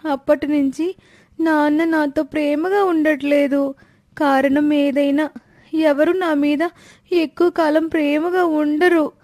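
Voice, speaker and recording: A woman voicing a frightened, lonely little girl who speaks slowly and softly. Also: sits high, fairly even intonation, no room sound, studio quality. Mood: sad.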